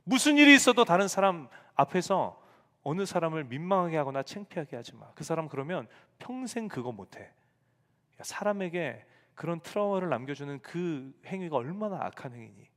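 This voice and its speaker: A man's voice: a little high, big pitch swings, normal speed, a bit bright. A male pastor in his forties preaching a sermon to young adults, telling a family story and acting out the lines he quotes. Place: church sanctuary. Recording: reverberant church hall.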